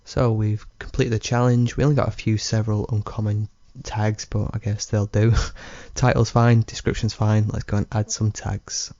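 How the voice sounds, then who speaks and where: A man with a low, dark, mellow voice talks through his gameplay in a relaxed, rambling way, chuckling as he goes. The sound is dry and a little dull, like a lo-fi home mic. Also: normal speed, few pauses, no echo. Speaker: let's play gamer. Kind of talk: casual gameplay commentary.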